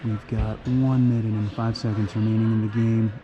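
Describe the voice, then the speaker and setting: A man giving amateur play-by-play of a youth hockey game from the stands, getting worked up and shouting encouragement between chatty, joking asides. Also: fairly low pitch, little pitch movement, moderate pace, muffled recording. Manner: chatty asides with dry jokes. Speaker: parent play-by-play commentator. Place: stands of an indoor ice rink. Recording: loud rink background noise.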